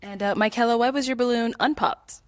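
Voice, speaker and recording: A woman hosting a dating show who prompts each contestant in a brisk, friendly way. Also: a little high, fairly even intonation, no echo.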